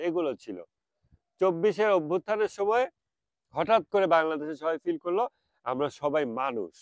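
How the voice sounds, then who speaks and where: A man with a Bangladeshi Bengali accent talks over a religious and social theme at a reflective pace. His voice sits a little high for a man, and the recording is dry and close. He drops into drawn-out English phrases now and then. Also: no echo. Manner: mixes English phrases, stretches them out slowly. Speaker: speaker.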